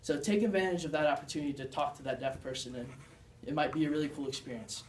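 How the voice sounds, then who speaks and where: A man's voice: on the high side, quick pace, heavy background noise. A young man giving a class presentation as a student, explaining and demonstrating signs in an earnest way. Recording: echoey room, mic far off.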